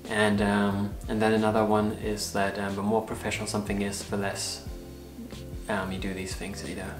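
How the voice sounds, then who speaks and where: A man's voice: on the low side, monotone, normal speed. A young man with a German accent, a native German speaker, co-hosting a casual vlog and searching for words with many fillers. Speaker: vlog co-host. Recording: roomy echo, faint music.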